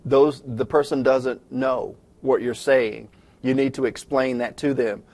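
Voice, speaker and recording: A man talking fast and conversationally as he records a lecture walking through a textbook chapter, with frequent restarts. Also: medium pitch, steady tone, darkish tone. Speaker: instructor. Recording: self-recorded lecture audio.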